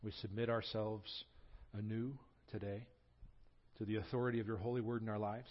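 A pastor in his forties from Southern California, who prays quietly and then preaches in a lively storytelling way with touches of humor. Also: on the low side, fairly quick, dull audio. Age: 40s. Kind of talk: sermon.

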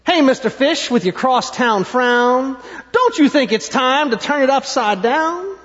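A man's voice: very high-pitched, expressive, measured pace, a bit bright, exaggerated voice. A man voicing a friendly, grinning female clam offering cheerful advice in a storybook. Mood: cheerful advising. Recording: muffled sound, long hall reverb.

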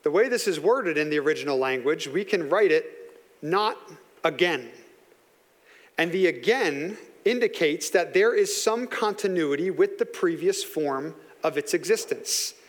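A man preaching a sermon in an earnest, conversational way, slowing down on emphatic lines. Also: high voice, long reverb tail. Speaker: pastor.

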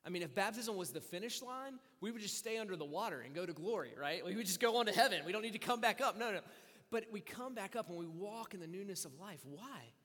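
A fairly high-voiced man preaching a conversational sermon, his voice ringing with a long hall reverb. He acts out his listeners' voices and swings between hushed asides and loud emphasis. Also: lively intonation, quick pace. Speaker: pastor.

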